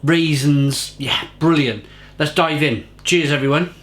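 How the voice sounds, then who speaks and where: A man's voice: fairly high pitch, unhurried, fairly bright tone. A man giving a casual, effusive beer tasting review, often repeating phrases for emphasis.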